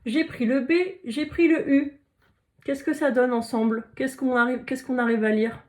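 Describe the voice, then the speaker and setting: A woman's voice: high voice, steady tone, normal speed. A woman teacher giving a recorded phonics lesson to young children, carefully sounding out letters and syllables and praising the listeners often. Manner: encouraging, praising.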